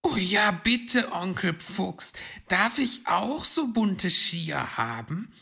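A man voicing a small young animal nephew in a children's storybook, with a high, pleading, childlike voice. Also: very animated, slow, vocal fry, bright, forceful tone, husky, full character voice. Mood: eager pleading.

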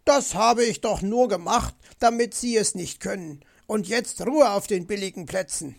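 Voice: medium pitch, moderate pace, gravelly, a little mellow. Narrator voicing a bossy grumbling fox. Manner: grumbling, lecturing. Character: fussy, bossy male fox.

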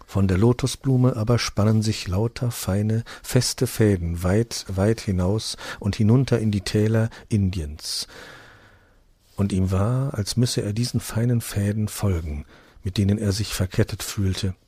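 Calm, low-voiced male fairy tale reader. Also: slightly rough, dry recording. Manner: calm, measured storytelling.

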